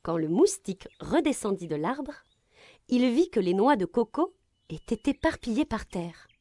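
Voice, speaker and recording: A woman reading a children's story aloud, with expressive, gentle narration. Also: on the high side, normal speed, dry recording, studio quality.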